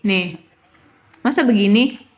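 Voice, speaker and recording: A woman's voice: medium pitch, lively intonation, slow, lo-fi sound. A woman with a Jakarta accent chatting casually on a phone live stream, teasing her viewers and trying out words again and again. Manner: repeats words again and again while trying out pronunciations. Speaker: social media influencer.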